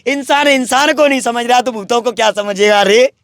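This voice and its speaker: High-pitched boastful sadhu. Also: male voice, moderate pace, a bit bright. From Braj region, India. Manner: boastful, emphatic, preachy. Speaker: wandering sadhu interviewed. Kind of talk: rambling spiritual talk.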